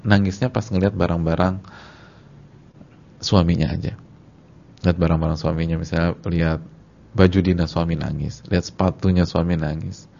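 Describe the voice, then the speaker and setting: Man, preacher, sermon, casual slang, repeats words for emphasis, husky gravelly voice, dull lo-fi recording. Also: low voice, a little mellow. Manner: casual Jakarta slang with a congregation. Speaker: Islamic preacher.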